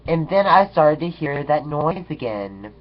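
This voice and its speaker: A sassy vlogger tells a story with loads of drama and plenty of swearing, stopping to land each point with an emphatic "okay". The voice sits at a middle pitch. The home recording sounds dull and lo-fi. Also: sing-song, unhurried, background noise. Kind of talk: casual storytelling rant.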